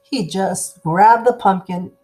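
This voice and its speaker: A woman reading a children's story aloud as storyteller, with deliberate, dramatized phrasing. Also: medium pitch, warm tone.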